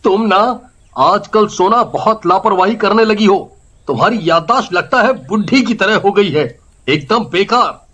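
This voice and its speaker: A man voicing a teasing, easygoing young husband in an animated horror story. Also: high voice, dull audio, exaggerated voice. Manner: teasing, laid-back, drawn-out.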